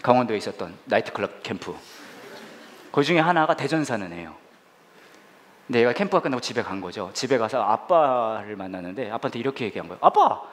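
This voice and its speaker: A man's voice: medium pitch, fast. A man preaching as a pastor in a church hall, telling a humorous story and acting out the voices in it. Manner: animated, acts out voices in the story.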